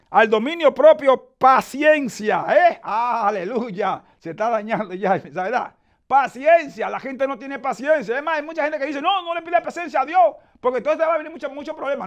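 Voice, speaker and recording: A man preaching in a strikingly high voice, pressing his points hard and keeping his listeners with him by asking again and again whether they follow. He works scripture verses into the sermon from memory. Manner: emphatic, keeps asking the congregation "¿usted ve?".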